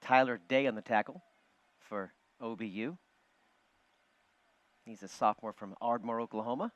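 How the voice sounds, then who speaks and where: A man calling live football play-by-play from a broadcast booth, quick and chatty, joking with his partner. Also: mid-range voice, no echo. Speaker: play-by-play announcer. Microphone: broadcast booth headset. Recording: dull, muffled broadcast audio.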